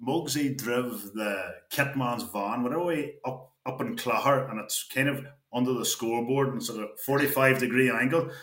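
A man's voice: medium pitch, a bit bright. Man telling stories, echoey. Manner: laughing anecdotal storyteller, repeats himself. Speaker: former player. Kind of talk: storytelling chat. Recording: roomy echo.

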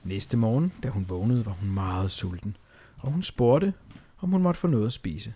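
A man's voice: on the low side, lively intonation, dark tone, husky. A man reading a fairy tale aloud and joking with friends in casual chat. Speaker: storyteller and podcast host.

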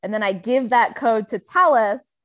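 A woman co-hosting a podcast, chatting excitedly and laughing often. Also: fairly high pitch, moderate pace. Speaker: podcast co-host. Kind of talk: casual chat.

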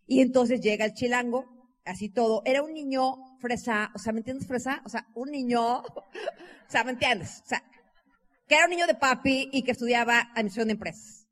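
A Mexican woman with a Mexican accent, telling her life story to an audience in an animated way, acting out dialogue and often saying "o sea". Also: fairly high pitch, a little fast. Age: 20s. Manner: expressive, acts out dialogue, laughs, uses "o sea" and "¿no?" a lot.

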